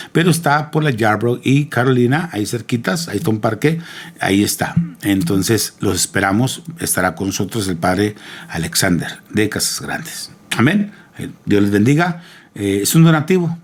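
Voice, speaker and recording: A middle-aged man, hosting as a lay preacher and delivering a sermon-style meditation with fervent repetition and rhetorical questions, his voice climbing high when impassioned. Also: animated, moderate pace. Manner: swings to a high, raised pitch when impassioned. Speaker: lay preacher and show host.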